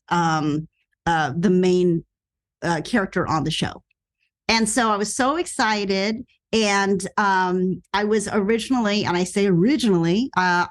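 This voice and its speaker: A middle-aged actress appears as a podcast guest, telling a story in a casual interview. She acts out the quoted lines, her female voice jumping suddenly in pitch.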